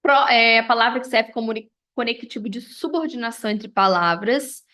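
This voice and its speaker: A woman's voice: on the high side, a little fast, sharp tone. A woman, reviewing grammar as a teacher and listing examples one after another with frequent tag questions. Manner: explanatory, lists examples, frequent "né?" and "tá?".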